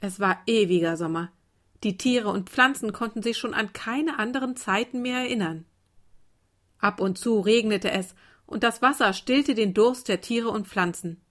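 A woman reading a calm bedtime story aloud in a soft, gentle voice. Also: mid-range voice, normal speed. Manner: calm, soft, turning quieter.

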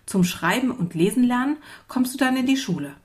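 Patient female schoolteacher, read by a woman, encouraging, slightly raised pitch, addressing children. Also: expressive, fairly quick, lightly acted. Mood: welcoming. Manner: warm, encouraging, speaking to small children.

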